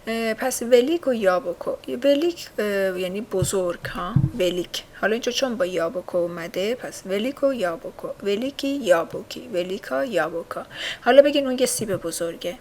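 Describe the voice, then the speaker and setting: A woman giving a recorded language lesson, patiently repeating words slowly and drilling her learners. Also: medium pitch, lively intonation, darkish tone. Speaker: language teacher.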